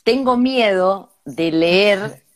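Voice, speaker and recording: A woman's voice: mid-range voice, extremely slow. An Argentine woman co-hosting a casual comedic chat, reading listener emails aloud with joking asides. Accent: Argentine Spanish. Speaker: podcast co-host.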